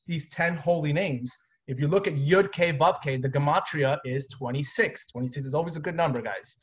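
A man in his thirties teaching a live online Torah class, explaining step by step with casual asides. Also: on the high side. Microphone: webcam on a video call. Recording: dull lo-fi video call audio.

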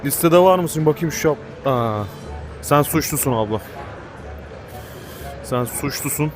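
A man's voice: on the high side, animated, unhurried. Panicky swearing gamer man. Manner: panicky, swearing, shouting at the game. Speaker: gaming YouTuber. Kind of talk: excited gameplay commentary. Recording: game music playing behind.

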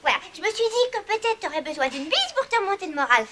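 Extremely high childlike clown, affectionate, eager, animated, repetitive, children's TV comedy. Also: female voice, quick pace, noisy background.

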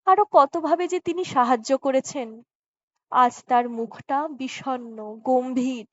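A woman narrates an audiobook story in a high, unhurried voice. She reads softly and dramatically, close to the mic. The recording is dry and a little dull. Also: dry recording. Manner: slow, soft dramatic reading with acted dialogue.

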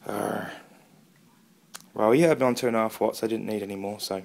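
Sitting off camera at an indoor wooden table, a man from England does a relaxed product review and radio chat as a hobbyist video reviewer. He wanders a bit and pokes fun at himself. His voice is fairly low, steady, a little fast, creaky, and darkish.

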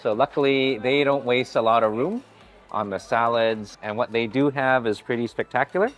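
Strolling through a hotel buffet restaurant, this forties-aged food vlogger speaks in a medium pitch with fairly even intonation and a normal pace. Faint music plays behind his upbeat, chatty narration, and he frequently greets the staff warmly.

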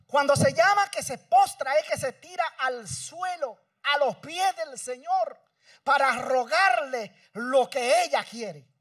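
A male pastor preaching a sermon, swinging between shouting and hushed, dramatic passages. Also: very high voice, animated, slow pace, no room sound, distant mic.

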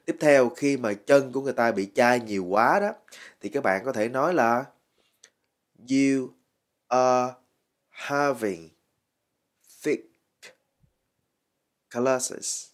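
A man teaching a language lesson, slowly and patiently drilling words with many repetitions. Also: medium pitch, expressive. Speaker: English teacher.

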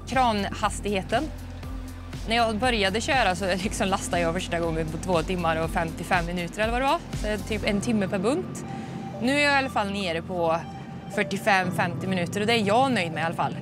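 Swedish woman truck driver thinking aloud. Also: mid-range voice. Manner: thinking aloud, swearing under stress. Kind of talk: reality TV commentary. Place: truck cab. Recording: music playing underneath.

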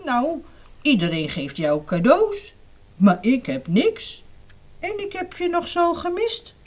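A woman's voice: high voice, huge pitch swings, slow pace, darkish tone, voice pushed up, full character voice. A woman reading aloud and voicing a small, kind male mole in a children's picture book. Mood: sad.

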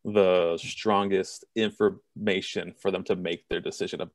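Low, dry-voiced man presenting admissions info. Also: measured pace, no echo. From Southern California. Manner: self-described monotone, plain and direct. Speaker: college admissions representative. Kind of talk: online information session presentation. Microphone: video call.

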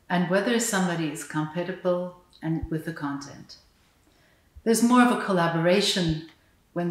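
A woman with a fairly low voice gives a formal statement in even, careful phrasing. The recording carries a roomy echo around her. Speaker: curator.

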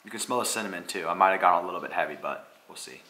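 A man's voice: low-pitched, racing, bright, forceful tone. A young man chatting casually in a fishing vlog, filler-heavy, filmed on a handheld camera at arm's length. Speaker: fishing vlogger. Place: garage, then an apartment kitchen and living room. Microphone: handheld wide-angle camera at arm's length.

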